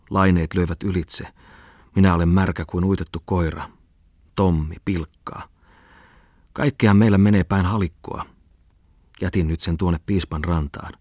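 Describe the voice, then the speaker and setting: Guy playing a fussy scheming scholar, low husky voice, talks in excited bursts. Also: dry recording, studio quality. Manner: rapid exclamatory rambling. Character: excitable bustling male scholar, garrulous, scheming.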